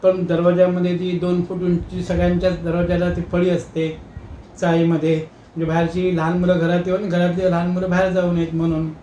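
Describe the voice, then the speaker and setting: A man telling a comic story in a lively, dramatic way. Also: high voice, fairly quick, echoey room, slight background noise.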